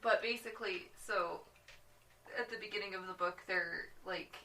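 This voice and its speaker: Bright-voiced woman a bit off-mic. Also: mid-range voice, normal speed. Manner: chatty, laughs while recapping a comic. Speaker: podcast co-host. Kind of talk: casual chat. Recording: distant mic with faint noise.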